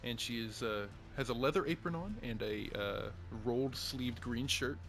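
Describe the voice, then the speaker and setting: A man's voice: medium pitch, moderate pace, fairly bright tone, faint music behind. Man narrating as game master. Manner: descriptive, many fillers.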